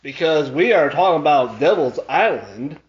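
A man's voice: a little high, animated, moderate pace. A man co-hosting a casual podcast chat, laid-back and chuckling, trailing off into fillers. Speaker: podcast co-host. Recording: dull lo-fi podcast audio.

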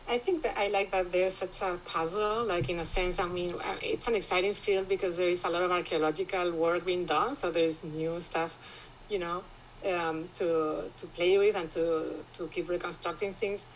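A woman from Spain, a classicist, talking as a guest in a podcast interview, thoughtful and pausing often with restarts. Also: lowish voice, fairly even intonation, slight background noise, rough recording. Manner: thoughtful, many restarts and fillers, laughs often.

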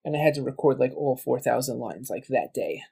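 A man's voice: mid-range voice, animated, brisk, vocal fry, warm tone, breathy edge. A man guesting on a podcast, chatting casually and telling stories full of quoted back-and-forth. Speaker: guest, game writer and voice actor.

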